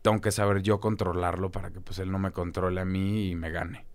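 Young Mexican male guest, low smooth voice, candid slangy storyteller. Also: level tone, brisk. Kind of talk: casual conversational interview.

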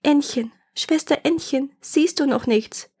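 A terrified young wife pleading for her life and calling anxiously up to her sister, put on by a woman reading a storybook. Her voice is lifted well above the reader's own pitch and comes out tense and urgent. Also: normal speed.

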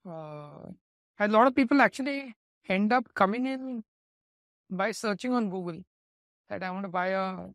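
A man's voice: high-pitched, expressive, normal speed, pauses often, a bit bright, no room sound. A man with an Indian English accent answering business interview questions in an explanatory way, sometimes correcting himself mid-sentence. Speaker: company executive, interview guest.

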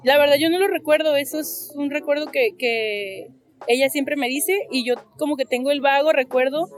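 A young woman with a Mexican accent, a guest telling a family story in casual conversation, acting out quoted voices with big pitch jumps. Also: normal speed. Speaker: guest interviewee. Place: outdoors on a street.

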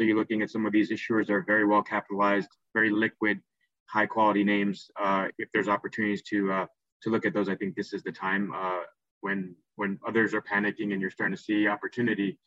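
Quick, flat-toned man. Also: lowish voice, no room sound. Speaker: investment expert on a panel. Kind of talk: unscripted market commentary. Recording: dull, lo-fi, dry audio.

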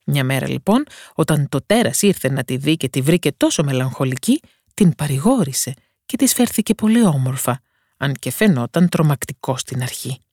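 A woman storyteller giving a scripted fairy-tale narration in a calm, measured way. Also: rumbling low, dry recording, studio quality.

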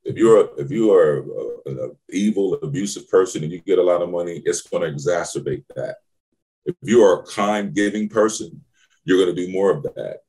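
A man sharing life advice on a podcast in short, emphatic, slangy bursts. His voice is very deep and dark, with a husky grain. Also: moderate pace, low-quality recording. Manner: emphatic, slangy, delivers life lessons in short punchy phrases. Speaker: podcast co-host. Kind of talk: casual advice talk.

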